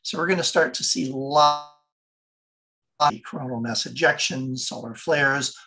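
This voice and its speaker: A man's voice: mid-range voice, measured pace. A man giving a patient, step-by-step science explanation over a video call, with his audio choppy and cutting out, words breaking off at the ends. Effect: choppy audio cutting out on an online call. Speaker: guest speaker presenting to an online audience.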